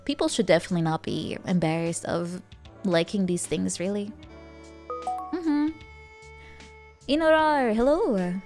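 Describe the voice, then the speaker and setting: A woman's voice: fairly low pitch, big pitch swings, normal speed, pauses often, darkish tone. A woman livestreamer chatting casually while gaming, in a playful, cute anime-streamer manner. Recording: music playing behind the voice. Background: music.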